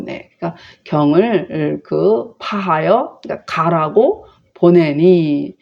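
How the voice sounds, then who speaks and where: A woman lecturing on a classical text, explaining slowly and chattily with many fillers. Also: fairly low pitch, gravelly, a little mellow, dull audio.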